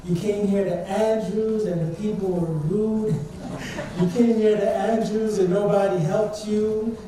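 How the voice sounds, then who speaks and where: In a church sanctuary, a young Trinidadian student preaches an informal sermon in an earnest, conversational way, putting questions to the congregation. He has a high-pitched, warm voice, captured distantly in a very echoey hall with faint noise.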